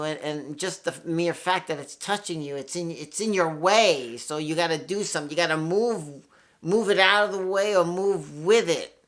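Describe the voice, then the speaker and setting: Talking loosely to camera, a sixty-something New York guitarist and channel host rambles candidly, swearing often and restarting. His voice is a little high and a bit bright.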